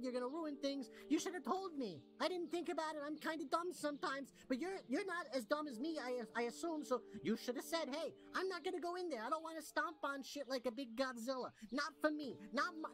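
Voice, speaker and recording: Woman voicing a squeaky melodramatic tiny cutie creature. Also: brisk, few pauses, lightly acted. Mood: depressed ranting. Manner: sweet, cutesy, melodramatic, swings into wailing despair. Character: tiny cheerful cutie creature, town greeter, overly emotional. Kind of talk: video game character dialogue. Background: game music.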